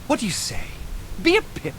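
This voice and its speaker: A man's voice: high voice, huge pitch swings, normal speed, a bit bright, a little hiss or hum, heavily acted, rough recording. A man playing a pompous, theatrical carnival showman in a video game, with grandiose, flustered patter. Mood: wheedling.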